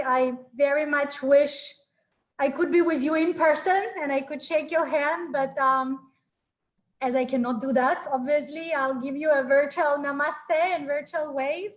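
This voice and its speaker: Speaking from a small home room, a high-voiced Ukrainian woman in her forties gives a live webinar talk in a warm, earnest manner with a steady tone, often stopping on fillers and beginning sentences over. It's captured roughly by a laptop webcam mic over a video call.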